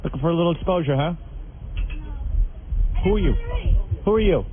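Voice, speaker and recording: A man's voice: on the high side, expressive, brisk, narrow, tinny audio, slight background noise. A man hosting a radio show live from a party, brash and crude, teasing his guests. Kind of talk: live party broadcast banter. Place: crowded formal party room.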